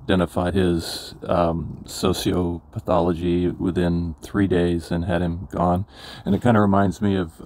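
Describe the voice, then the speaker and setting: Older male storyteller, deep-voiced, loose and rambling delivery. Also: a little mellow. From California. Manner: rambling, many fillers and restarts. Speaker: memoir vlogger. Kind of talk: casual personal storytelling.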